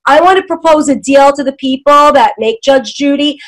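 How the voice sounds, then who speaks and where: Brash high-voiced New York woman. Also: moderate pace, poor audio. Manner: loud, brash and chatty. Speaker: talk show host. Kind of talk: casual panel chat.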